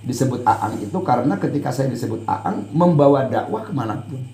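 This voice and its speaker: A man's voice: medium pitch, expressive, fairly quick, mellow, reverberant. Sundanese-accented man explaining patiently. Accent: Sundanese, Cianjur. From Cianjur, West Java. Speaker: pesantren leader. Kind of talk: casual podcast chat.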